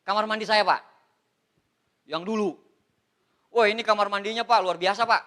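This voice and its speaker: A man from Indonesia in his thirties giving an animated, joking motivational seminar talk, addressing the audience as Pak. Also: sits high, normal speed. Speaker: motivational speaker on MLM.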